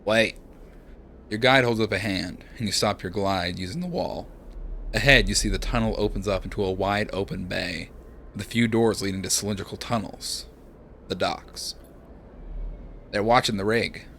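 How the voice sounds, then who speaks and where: Man, young, streamer, low pitch, bright tone, hushed dramatic game reading. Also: moderate pace, long pauses, a little hiss or hum.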